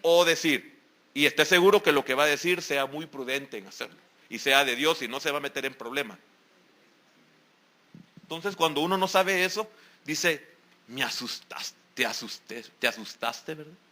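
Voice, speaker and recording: A pastor delivers an evening sermon in a church sanctuary. His voice sits a little high for a man and rings sharp and forceful. He preaches emphatically and drives his points home through repetition. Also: moderate pace, pauses often. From El Salvador. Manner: emphatic preaching with repeated exhortations. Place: church sanctuary during a service.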